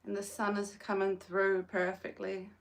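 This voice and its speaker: With a medium-pitched, monotone voice at a measured pace, a young New Zealand woman chats through her crochet livestream outside in the sunshine. She is soft-spoken and hesitant, frequently pausing on "um."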